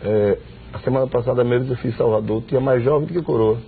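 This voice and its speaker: A middle-aged singer from Sergipe, Brazil, chatting relaxed with many fillers in a TV studio on a lapel mic. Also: male voice, mid-range voice, fast, gravelly, slightly rough. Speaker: band singer. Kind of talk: casual interview chat. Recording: tinny lo-fi broadcast audio with guitar.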